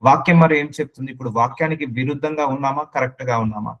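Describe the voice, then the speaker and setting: A man's voice: mid-range voice, fast, a bit bright, lo-fi sound. A man preaching a sermon as a pastor, repeating phrases with emphasis and mixing in English words, to a gathering of about thirty people.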